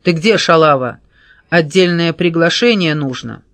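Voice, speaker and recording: A woman reading an audiobook, voicing a jealous, domineering man who shouts and snarls orders. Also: low-pitched, expressive, measured pace, no room sound, exaggerated voice. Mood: furious.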